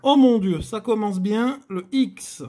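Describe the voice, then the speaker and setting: A man hosts a scratch-card video, talking to his viewers in a chatty, theatrical way as he scratches and groaning often. His voice is high and mellow, and he takes his time.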